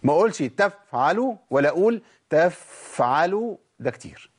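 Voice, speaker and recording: A man with an Egyptian accent teaching Quran recitation, explaining patiently and demonstrating sounds slowly. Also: on the high side, animated, slightly rough. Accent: Egyptian Arabic. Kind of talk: recitation lesson.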